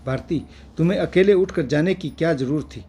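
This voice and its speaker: A man's voice: fairly high pitch, fairly quick, warm tone, husky. A man reading as a dismissive middle-aged husband. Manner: curt, lecturing reading.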